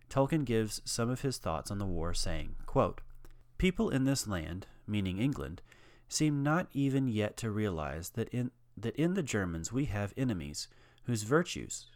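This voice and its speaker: A man narrating a documentary in a measured, earnest storytelling manner, reading out quotations. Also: on the low side, no echo, studio quality. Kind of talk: scripted narration.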